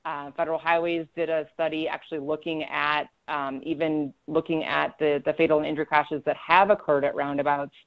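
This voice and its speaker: A woman's voice: low-pitched, flat delivery, brisk, few pauses. Woman presenting a safety webinar, lo-fi. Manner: frequent ums and self-corrections. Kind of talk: conversational webinar talk. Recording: slightly dull lo-fi audio.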